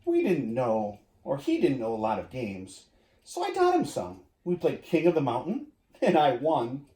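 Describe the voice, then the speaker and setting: A community education director reads a children's storybook aloud to young listeners, expressive and drawing out his emphasis. His voice is mid-range, and the room gives a roomy echo.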